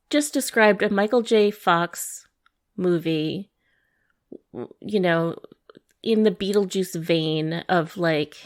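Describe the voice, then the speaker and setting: A woman co-hosting a podcast in casual chat, chatty and quick to agree. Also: mid-range voice, a little mellow. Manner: chatty, agreeable, lots of fillers and restarts. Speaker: podcast co-host.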